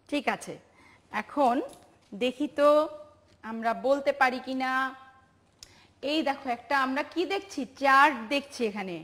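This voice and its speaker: A woman with a high voice leads a preschool lesson for television at an unhurried pace. She talks in a patient, sing-song way, asking simple questions and praising the children. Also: a bit bright. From Bangladesh. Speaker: preschool teacher.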